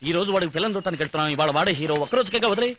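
An easygoing, playful village hero in a dubbed film, quick and bright. His light, joking delivery sits fairly high and swings widely. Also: lively intonation, a little hiss or hum.

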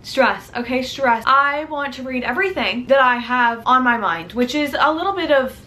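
A woman's voice: high-pitched, normal speed, bright, forceful tone. A young woman in her twenties chatting to camera about books, self-mocking and restarting often. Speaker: booktuber. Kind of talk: casual chat to camera.

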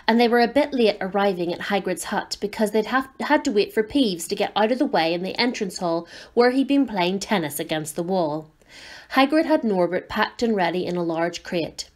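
Woman reading a children's novel aloud. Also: mid-range voice. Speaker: storyteller.

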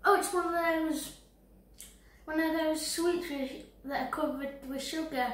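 A woman's voice: high-pitched, fairly even intonation, unhurried, recorded from a distance. A woman, talking while chewing and hesitantly searching for words during a taste test. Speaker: taste tester. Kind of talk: casual home video. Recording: echoey room.

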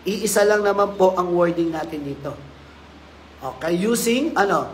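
A man with a Filipino accent giving a safety training talk as a safety officer, lively, swinging between loud emphasis and quiet asides, mixing Filipino and English. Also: sits high, normal speed, a little hiss or hum, rough recording.

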